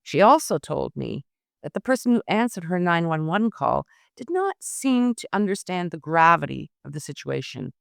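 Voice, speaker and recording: A woman hosting a podcast, telling the story in measured, pointed scripted narration. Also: lowish voice, very animated, gravelly, no room sound, clean studio sound. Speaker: podcast host.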